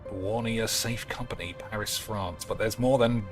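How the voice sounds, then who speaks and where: A man streaming a game, making crude jokes and thinking out loud as he plays. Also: lowish voice, normal speed, soft background music. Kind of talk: casual gameplay commentary.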